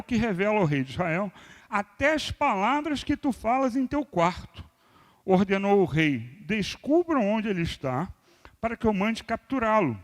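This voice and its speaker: A man in his sixties preaching a sermon as pastor, moving between loud emphasis and quiet asides. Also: sits high. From Brazil. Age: 60s. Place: church hall. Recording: long reverb of a large church hall.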